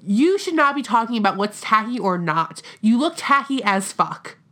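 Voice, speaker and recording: A young American woman co-hosting a podcast in casual chat, talking bluntly with vocal fry, plenty of swearing and frequent "like". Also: on the high side, expressive, moderate pace, a bit bright. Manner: blunt, profane, peppered with "like". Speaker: podcast co-host.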